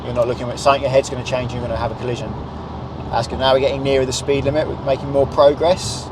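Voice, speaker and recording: A British man in his thirties, a driving instructor, coaches a learner inside a small car, talking at a racing pace in a medium-pitched voice with little pitch movement. He gives short directions and checking questions, recorded on a clip-on lapel mic with road and engine noise.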